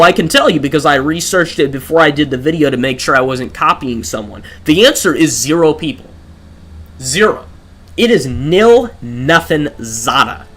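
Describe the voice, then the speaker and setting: Worn out and streaming a game, this man talks into his desk mic in a voice that's a little high and a bit bright. His live-stream rant wanders, packed with rhetorical questions and frequent restarts as he works through his thoughts.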